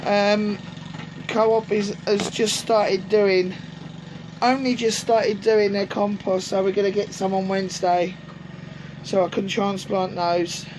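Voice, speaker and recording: Showing her allotment greenhouse outdoors to a camera on a tripod, a vlogger chats casually and rambles, filling her talk with ums. Her mid-range voice is gruff from a sore throat, slow, with little pitch movement, against outdoor noise of traffic and lawnmowers.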